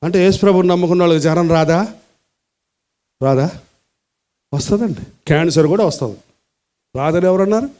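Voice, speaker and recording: Older Telugu-accented male pastor, high voice, preaching to a congregation with dramatized quotes. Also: brisk, long pauses. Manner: acts out quoted voices in a lively, pleading preaching tone. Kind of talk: sermon.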